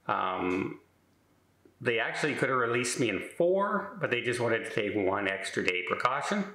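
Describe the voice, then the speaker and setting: A man's voice: medium pitch, big pitch swings, moderate pace, sharp tone, reverberant. A middle-aged man telling a casual story in a rambling way, with many fillers and restarts. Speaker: vlogger.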